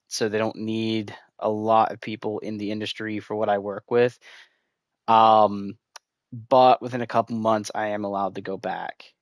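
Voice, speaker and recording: A man's voice: lowish voice, no room sound, studio quality. A man streaming a video game, rambling casually and chatting with his viewers as he plays. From United States. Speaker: gaming streamer. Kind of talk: casual gameplay commentary.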